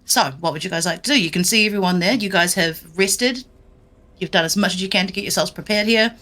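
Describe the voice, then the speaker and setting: A woman running a live tabletop game as game master, narrating the scene in an upbeat, lively way. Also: medium pitch, fast talker.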